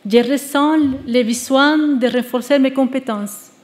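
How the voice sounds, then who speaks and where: A woman, reading a prepared testimony on stage in a measured, earnest way, with small restarts. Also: high-pitched. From Venezuela. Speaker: exiled researcher giving a testimony. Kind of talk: prepared speech read to an audience. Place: stage at a live public event.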